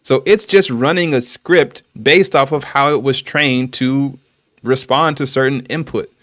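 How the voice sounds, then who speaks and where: A man hosting a casual podcast livestream, explaining things calmly with frequent fillers. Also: medium pitch, no room sound, studio quality. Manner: explanatory, measured, with many fillers. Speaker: podcast host.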